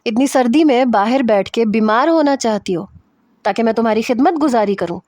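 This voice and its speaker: A woman's voice: on the high side, a little mellow, dry recording, close to an everyday voice. A stern young husband who talks down and taunts, his words clipped and curt, read out by a woman narrating the story. The reading is close and dry, with no room around it.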